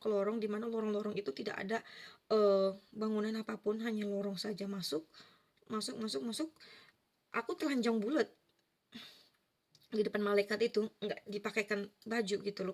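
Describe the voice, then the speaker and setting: A woman telling a personal spiritual story in earnest, casual first-person testimony, with vivid detail and easy fillers. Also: medium pitch. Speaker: vlogger sharing a personal story.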